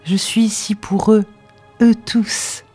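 A reader voicing a grieving woman in mourning, tender and anxious, pleading softly and rising into fervor, in an audiobook. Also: on the low side, unhurried, faint music behind, close to an everyday voice. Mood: fervent. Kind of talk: audiobook dialogue reading.

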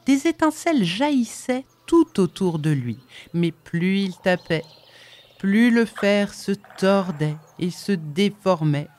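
A woman narrating an audiobook in an expressive, measured storytelling manner. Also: on the low side.

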